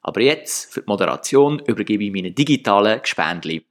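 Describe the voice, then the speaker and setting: A man's voice: on the low side, lively intonation, fairly quick. A man with a Swiss German accent hosting a podcast in a conversational moderating style. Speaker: podcast host. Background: music.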